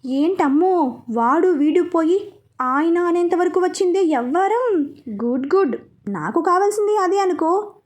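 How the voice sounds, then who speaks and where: A woman's voice: extremely high pitch, animated, a little slow. A woman voicing a young man who jokes and teases his friend's wife. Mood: jokey. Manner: jokey, teasing.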